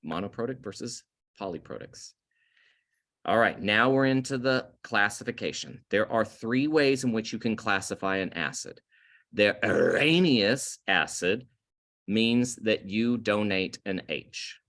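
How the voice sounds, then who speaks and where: This recorded chemistry lecture over slides features a male teacher whose fairly low voice is expressive and a bit bright. He explains slowly, stresses key terms and corrects himself along the way.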